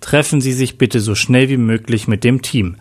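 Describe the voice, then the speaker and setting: A man's voice: mid-range voice, moderate pace, darkish tone, natural voice. A man voicing a mysterious official who formally and insistently recruits an agent by phone.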